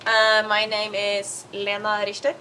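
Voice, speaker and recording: A woman's voice: medium pitch, completely flat delivery, unhurried, sharp tone, a little hiss or hum, rough recording. Cheerful Norwegian woman in her twenties. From northern Norway. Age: 20s. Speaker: guest. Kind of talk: casual chat. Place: outdoor covered patio.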